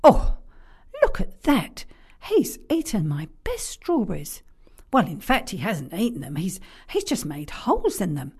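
A woman's voice: mid-range voice, wildly swooping pitch, measured pace, a little mellow, slightly rough, full character voice. A woman voicing a fussy, cross old woman gardener in a children's story, exclaiming and fretting.

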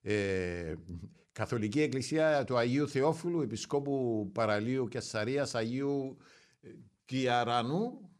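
A man hosting a morning radio show, rambling and halting as he reads out a list of saints' days. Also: mid-range voice, lively intonation. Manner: rambling, hesitant, halting over names. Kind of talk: casual radio chat.

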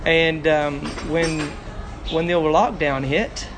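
A man from Arkansas with a hillbilly Southern US accent, a country entertainer chatting casually in an interview, halting and repeating his words, recorded on location at a noisy bar. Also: on the high side, steady tone. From Arkansas, United States. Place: bar, on location with street noise. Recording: noisy outdoor bar, traffic behind.

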